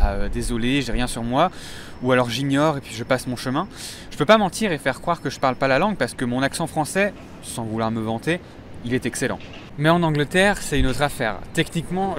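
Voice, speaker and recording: A man's voice: fairly high pitch, a bit bright, a little hiss or hum. A young French man with a French accent, delivering a mock-serious, self-mocking comic monologue outdoors on a city street. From France. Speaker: comedy vlogger.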